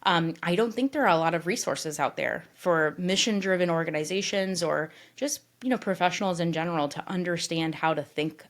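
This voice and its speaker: A woman who is a guest on a podcast, explaining her ideas in an animated, casual way with many filler words. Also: on the low side, brisk, hardly any pauses. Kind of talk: conversational interview.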